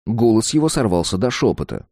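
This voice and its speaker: Deep-voiced male audiobook narrator. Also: very animated, brisk, warm tone, no echo, studio quality.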